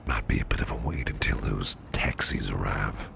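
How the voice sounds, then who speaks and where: A caring businessman boss, acted by a man for an ASMR roleplay, speaks in an extremely deep, heavily creaky murmur that often slips into whisper. He is gentle, protective and reassuring, taking his words slowly. Clear background noise sits behind the voice. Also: heavily acted. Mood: soothing, tender. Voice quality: breathy near-whisper with gravelly fry. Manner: tender, slow, reassuring murmur. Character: Grimwald, gentle protective businessman boss comforting an exhausted employee. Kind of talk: ASMR roleplay, soothing personal attention.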